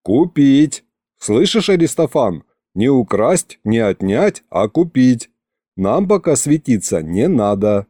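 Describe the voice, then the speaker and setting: A man voicing a gruff, bossy old grandfather who scolds in folksy speech. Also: mid-range voice, sing-song, slow pace, mellow, dry recording, clean studio sound. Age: older.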